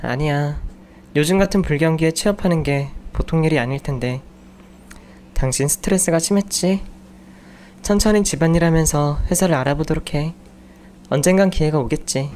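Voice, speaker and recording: A man's voice: on the high side, normal speed, long pauses, darkish tone, a little hiss or hum, close to an everyday voice. A man voicing an exasperated young wife and mother who nags her jobless husband in a raised voice. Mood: gentle. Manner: scolding, raised voice.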